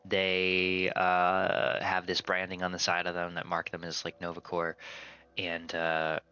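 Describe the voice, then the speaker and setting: A man improvising narration as game master of a tabletop game in a casual, halting way. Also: sits low, completely flat delivery, bright, forceful tone, clean tone, dull audio. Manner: casual, halting, searching for words.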